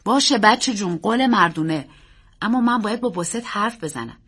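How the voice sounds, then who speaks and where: A woman's voice: mid-range voice, expressive, fairly bright tone, slightly rough. A woman voicing a jovial grown uncle who speaks in a teasing, coaxing way. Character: jovial grown uncle, amused then wary.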